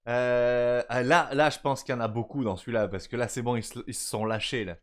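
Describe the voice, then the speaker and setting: A man's voice: mid-range voice, fairly even intonation, fairly quick, crowd noise. A man hosting a casual stream, playful, reading chat comments aloud. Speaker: stream host.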